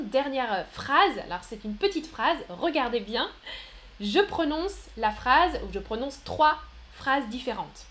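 A woman teaching a live online French lesson, speaking slowly and clearly, praising students and reading their chat replies aloud. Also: fairly high pitch, slight background noise. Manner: slow, clear, encouraging, reads chat names aloud.

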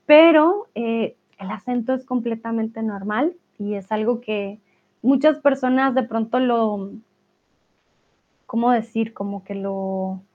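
A woman teaching Spanish in a live class, answering viewer chat and laughing often. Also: on the high side. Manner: laughs often, speaks slowly and clearly. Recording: tinny phone-like sound.

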